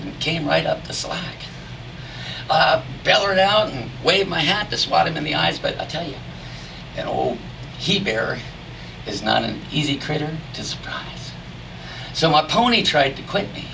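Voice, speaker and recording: A man reciting cowboy poetry as drawn-out storytelling verse, with folksy rustic diction and dramatic pauses. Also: fairly high pitch, creaky. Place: live poetry reading at a venue. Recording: distant mic in noisy live room.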